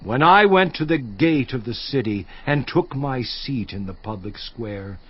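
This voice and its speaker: A man's voice: mid-range voice, animated, slightly rough, dry recording. A man voicing Job, grave and lamenting. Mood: wistful. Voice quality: slow, solemn declamation. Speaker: dramatized Bible character. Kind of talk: dramatized scripture reading. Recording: dull lo-fi with music underscore.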